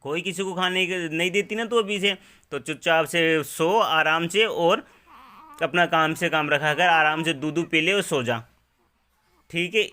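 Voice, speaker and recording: A man's voice: on the high side, unhurried, sharp tone, smooth. A father giving his infant daughter a playful mock scolding, lecturing her with one rhetorical question after another.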